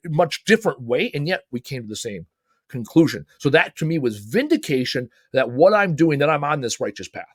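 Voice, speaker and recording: A man's voice: mid-range voice, no room sound, clean studio sound. Blunt, profane man telling stories. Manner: blunt, profane, animated storytelling. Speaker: podcast host and author. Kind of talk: casual motivational talk.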